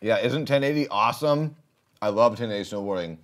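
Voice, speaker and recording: A man's voice: fairly low pitch, a little fast. A man casually chatting with his viewers while playing a game on a livestream, rambling and laughing often. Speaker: streamer.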